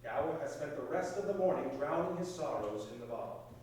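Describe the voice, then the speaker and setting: A man's voice: fairly high pitch, lively intonation, a little fast, a little mellow, natural voice. Distant, echoing male heavenly guide played by an actor. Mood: solemn storytelling. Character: senior male heavenly guide patiently narrating a life story. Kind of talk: stage play narration. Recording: echoey hall, distant mic, faint noise.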